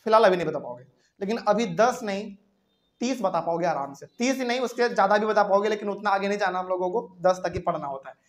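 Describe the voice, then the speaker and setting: A man's voice: high voice, fast talker. A man teaching a chemistry lesson at a whiteboard in Hindi with a Bihari accent, asking the class questions as he explains step by step.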